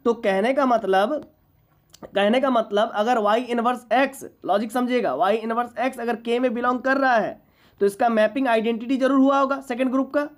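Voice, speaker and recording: A woman teaching a university maths class, lecturing patiently and often asking whether students follow. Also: fairly high pitch. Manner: patient, checks understanding often.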